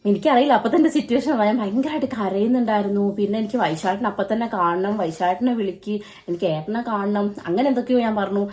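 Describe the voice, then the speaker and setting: Young female family vlogger, rapid earnest delivery with broken-off restarts. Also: medium pitch, darkish tone. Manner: earnest, halting, with restarts and trailing pauses. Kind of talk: emotional personal storytelling.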